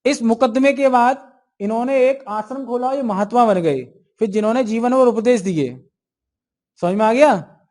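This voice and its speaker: A man's voice: extremely high pitch, moderate pace, darkish tone. A male teacher lecturing an exam-prep class, asking questions and answering them himself.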